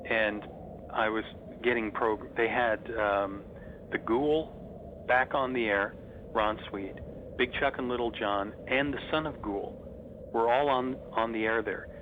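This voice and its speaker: A man's voice: fairly low pitch, slow. A middle-aged man telling stories casually as an interview guest, with a fan's enthusiasm. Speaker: interview guest, horror host. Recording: noisy, thin phone-like line.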